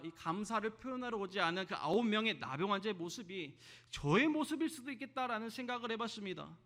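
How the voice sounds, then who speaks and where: A male pastor from Jeolla gives a Sunday sermon in an easy, chatty manner. He keeps asking the congregation questions and tells light stories that poke fun at himself. His voice sits high for a man and has a sharp, bright edge. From Jeolla, South Korea. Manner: conversational preaching with rhetorical questions and self-deprecating stories.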